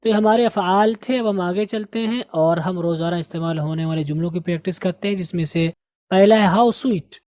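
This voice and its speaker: A man teaching an English lesson, patiently repeating words and sentences slowly for pronunciation practice. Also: high-pitched, a little mellow, dry recording. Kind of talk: recorded language lesson.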